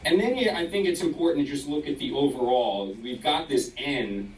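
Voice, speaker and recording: A man's voice: on the high side, moderate pace, roomy sound, far from the mic, a little hiss or hum, poor audio. A man on a village council eagerly talking through data on a shared screen, apologizing as he goes. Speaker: council member. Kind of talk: council meeting remarks.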